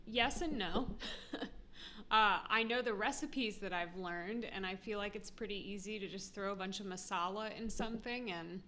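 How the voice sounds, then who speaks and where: A woman's voice: mid-range voice, normal speed, bright, forceful tone. An American woman vlogging to camera, chatty and self-deprecating, often laughing. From United States. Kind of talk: casual talk to camera.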